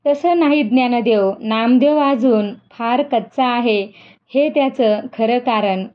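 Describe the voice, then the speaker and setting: A woman voicing a wise male guru who speaks calmly and knowingly. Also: a little high, takes it slowly, lo-fi sound.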